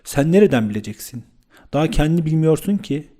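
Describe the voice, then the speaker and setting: A blunt, hot-tempered young man scolds and insists, as a man reads him in an audiobook. His voice stays mellow and warm even when raised. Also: fairly high pitch, fast. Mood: impatient.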